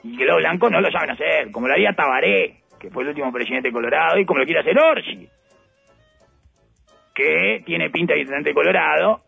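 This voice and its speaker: A man's voice: fairly high pitch, animated, a little fast, creaky, slightly rough, no room sound, soft background music. A man with a Uruguayan accent giving satirical political commentary on the radio, ironic and rambling with playful asides. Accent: Uruguayan Spanish. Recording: dull lo-fi radio audio.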